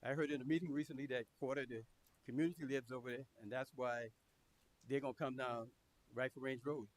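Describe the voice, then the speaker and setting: A man addressing a council as a public commenter, in measured, deliberate short phrases. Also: medium pitch, steady tone. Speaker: community organization president, public commenter. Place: town council meeting room. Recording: clear background hiss.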